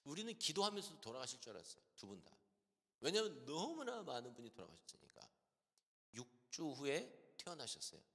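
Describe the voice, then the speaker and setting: A middle-aged man preaches a storytelling sermon in a church sanctuary. His voice is bright and ringing, and his pitch swings widely as he acts out his stories. A long hall reverb trails after every phrase. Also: wildly swooping pitch, a little fast. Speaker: guest pastor preaching.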